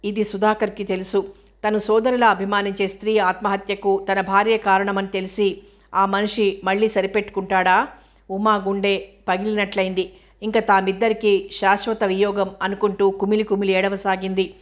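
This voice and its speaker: A woman narrating a novel in a steady, even reading voice. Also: mid-range voice. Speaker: audiobook narrator.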